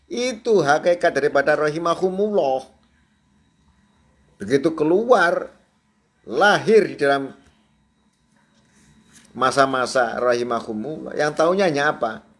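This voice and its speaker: A man preaching a sermon, chatty and quick to laugh, often checking in with his audience and acting out the cries and prayers of a newborn. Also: a little high. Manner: acts out a newborn's crying and prayers. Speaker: Sufi preacher.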